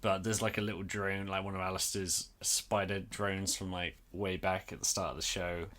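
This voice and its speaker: A man's voice: low-pitched, flat delivery, moderate pace, fairly bright tone. A man co-hosting a podcast, recapping an episode in informal, sweary, casual chat and acting out paraphrased lines. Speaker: podcast co-host.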